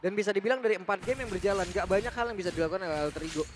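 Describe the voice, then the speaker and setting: Fast, high-voiced Indonesian male esports analyst. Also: noisy background. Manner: emphatic, builds points through repetition. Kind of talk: match analysis commentary.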